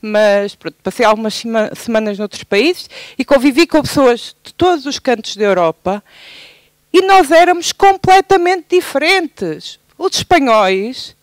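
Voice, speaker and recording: A woman's voice: fairly high pitch, animated, unhurried, no echo. A Portuguese woman from the Algarve, speaking up from the audience with a hesitant, spontaneous delivery full of restarts. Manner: hesitant, many restarts and fillers. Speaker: audience member. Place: theatre hall.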